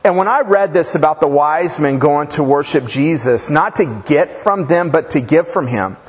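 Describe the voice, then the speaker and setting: A man preaches in a loose, chatty way, wandering into stories and side comments with plenty of fillers. His voice sits a touch high for a man. The sound rings out with a long reverb from a church sanctuary. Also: expressive, moderate pace. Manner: informal, rambling asides with fillers and restarts. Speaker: pastor. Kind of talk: conversational sermon with storytelling.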